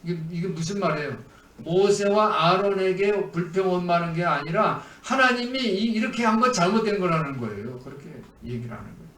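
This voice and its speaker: A man's voice: high voice, expressive, brisk, a bit bright, echoey room, distant mic. A man preaching a sermon as pastor, asking the congregation questions as he teaches. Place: church sanctuary.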